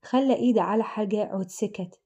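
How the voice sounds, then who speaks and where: A woman's voice: medium pitch, a little fast, mellow, muffled recording. A woman with an Iraqi Arabic accent narrating a serialized family story in a chatty way, speaking directly to her listeners.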